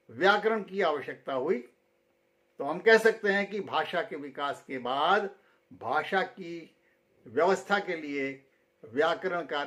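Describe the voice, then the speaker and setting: Slow, measured Hindi teacher, man. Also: on the high side, a bit bright. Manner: slow, measured, rising then falling at phrase ends. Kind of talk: tutorial lecture.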